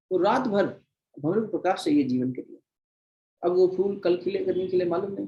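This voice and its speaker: Telling parables and repeating phrases to drive his points home, a man teaches at a devotional gathering as a spiritual teacher. His voice sits high with a warm tone, and the recording has its highs cut off.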